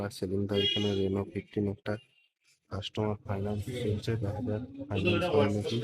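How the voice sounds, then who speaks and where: Hoarse, joking vlogger man. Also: lowish voice, low-quality recording. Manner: joking, self-mocking, chatty. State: hoarse with a cold, out of breath. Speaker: phone shop worker filming a vlog. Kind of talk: casual vlog narration. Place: busy shop and street.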